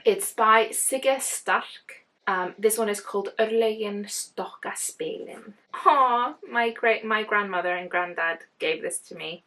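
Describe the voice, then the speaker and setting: A young woman from Iceland, working as a book vlogger, rambles cheerfully through a casual book unboxing, gushing about books and often restarting her words. Her mid-range voice is slow, bright, and forceful. The audio is poor, with a little hiss or hum.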